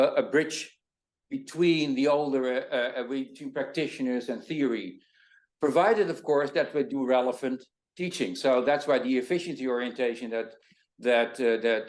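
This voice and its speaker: A man speaking on an academic panel, earnest, often repeating words as he searches for his point. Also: mid-range voice. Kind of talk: panel discussion remarks.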